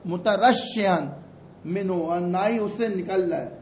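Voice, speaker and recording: A man teaching a class, reading Arabic phrases slowly and explaining them in a chatty, teasing way. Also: high-pitched, slight background noise. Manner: chatty, teasing asides to students. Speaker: teacher of religious law. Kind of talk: lecture explaining an Arabic text. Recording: echoey, dull room recording.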